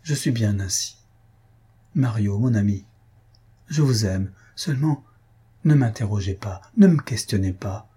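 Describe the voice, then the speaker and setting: A man's voice: on the low side, animated, a little slow, pauses often, warm tone, husky, exaggerated voice. A man reading an audiobook, voicing an anguished young noblewoman with a solemn, pleading manner.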